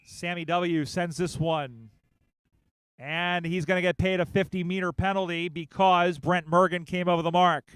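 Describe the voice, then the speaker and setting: A male play-by-play commentator calls a football match live, his voice smooth and crisp with little pitch movement. He sounds close and dry on his commentary mic, and he gets louder when the big plays land. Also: dry recording. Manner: rapid play-by-play, rising excitement on big plays. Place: outdoor sports field.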